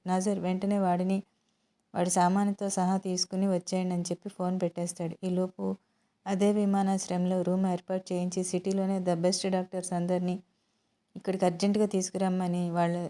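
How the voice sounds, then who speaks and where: A woman hosting her own channel, narrating a serialized love story in an even, unhurried way. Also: on the low side. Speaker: storyteller host.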